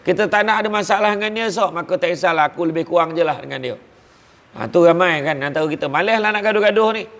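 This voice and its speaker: A man with a Malaysian Malay accent giving an animated, jokey religious talk, acting out the people he quotes. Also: high voice, fast, creaky, in a large hall. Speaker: preacher.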